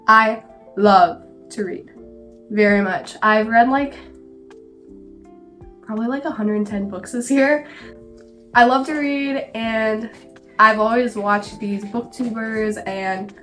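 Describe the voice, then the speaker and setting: A woman with a cold and a stuffed-up nose, chatting casually about books on her vlog in her small home library, filling her talk with "like". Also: on the high side. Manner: chatty, lots of "like" fillers. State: sick and stuffed up. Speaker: book vlogger.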